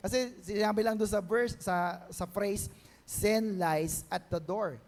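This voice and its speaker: A male pastor with a Filipino accent, preaching a Bible-teaching sermon and mixing Tagalog with English. He often asks the church for an amen and draws key phrases out slowly. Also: high voice, darkish tone. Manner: mixes Tagalog and English, calls for amens, stretches key words slowly.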